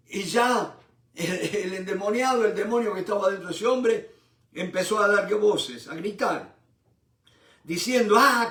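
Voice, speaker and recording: A man's voice: sits high, roomy sound, far from the mic. A man preaching a Bible study sermon with fervor, calling his listeners brothers. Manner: fervent, addresses listeners as brothers.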